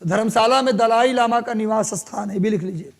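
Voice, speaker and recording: A man from Bihar leads a live online exam-prep lesson. His voice sits very high for a man. He dictates notes slowly, repeating each phrase, and drops chatty asides to his students. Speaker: teacher.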